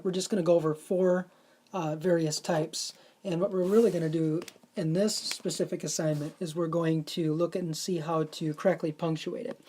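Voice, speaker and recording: A woman's voice: on the low side, warm tone. A woman teaching a sixth grade class in a recorded lesson, patiently explaining and stepping through each example.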